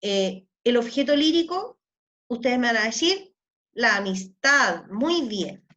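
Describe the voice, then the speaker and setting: A woman teaching a literature lesson, explaining step by step, often checking in with quick tag questions and counting out verses slowly. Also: fairly high pitch, expressive, muffled recording. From Chile.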